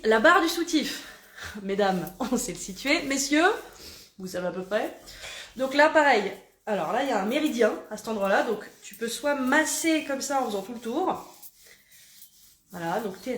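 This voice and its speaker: A woman's voice: fairly high pitch, reverberant. A woman body coach guiding a morning self-massage routine in a chatty, playful way, laughing at herself, with a put-on southern French accent.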